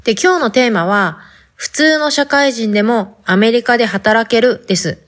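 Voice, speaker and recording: A woman's voice: on the high side, normal speed, a bit bright. A woman podcast host speaking in Hakata dialect, telling her story in a chatty, informal way. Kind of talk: casual podcast monologue.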